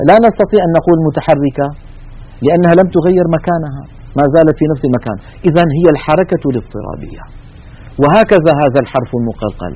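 A man's voice: on the high side, narrow, tinny audio. A man teaching Quranic recitation in a methodical lecture, explaining slides with spoken examples. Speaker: tajweed teacher.

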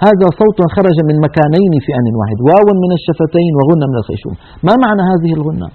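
A man's voice: fairly high pitch, lively intonation, very fast, slightly rough. A man teaching Quran recitation in an earnest tajweed lesson, demonstrating each sound. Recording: tinny narrow-band radio sound.

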